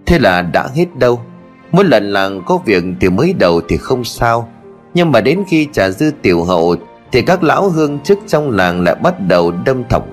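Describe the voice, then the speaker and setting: A man narrating a comic folk tale in a colloquial, earthy and mocking way. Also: lowish voice. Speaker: storyteller. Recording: faint music underneath.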